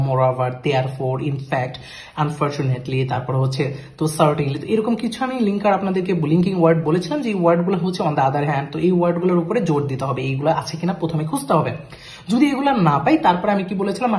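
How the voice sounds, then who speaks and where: Fast-talking male IELTS tutor. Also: high voice, a little mellow. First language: Bengali. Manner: switches between Bengali and English terms, reads English phrases slowly. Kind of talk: screen-share lesson walkthrough.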